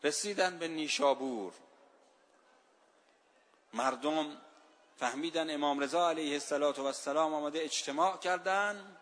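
High-voiced man preaching a sermon. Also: fairly bright tone. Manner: emotive storytelling, slows and stretches verse lines. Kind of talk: religious sermon.

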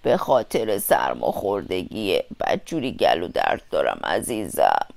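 A wicked, hungry male wolf in a storybook reading, as a woman puts him on. His voice sinks very deep and quiet, with a gruff, scheming growl and an odd, changed timbre. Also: huge pitch swings, dry recording, full character voice. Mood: sham sweet.

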